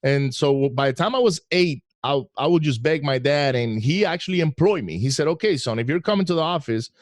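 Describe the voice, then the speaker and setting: A middle-aged man from Venezuela telling his story as a guest, animated and laughing now and then. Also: a little high, fairly quick, no echo, clean studio sound. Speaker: podcast guest. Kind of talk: casual interview storytelling.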